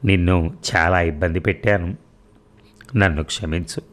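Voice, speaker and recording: A teasing, affectionate young woman who has just had her first baby, as a deep-voiced male narrator reads her lines, playful with her mother one moment and tender the next. The voice sits low for the part, with no attempt to sound girlish. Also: fairly even intonation, moderate pace, fairly bright tone.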